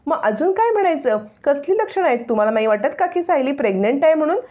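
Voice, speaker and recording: A woman's voice: high voice, pitched above the performer's own voice. Woman reading as an eager, knowing mother-in-law. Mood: excited. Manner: quick, excited.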